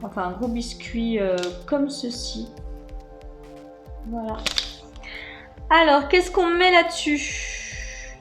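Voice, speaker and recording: A woman in her thirties talks through a snack box on her channel in a high, bright-sounding register. She is chatty and a bit hesitant, with plenty of fillers. Faint music plays underneath. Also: expressive, takes it slowly, pauses often. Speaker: unboxing vlogger. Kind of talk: casual unboxing chat.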